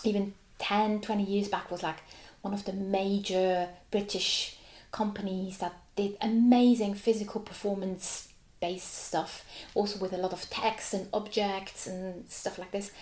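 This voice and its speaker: With a level tone and measured pace, her mid-range, slightly mellow voice echoes reverberantly. The speaker is a Swiss contemporary dancer in her forties whose native language is German, talking animatedly in a casual interview with frequent laughter and "like" fillers.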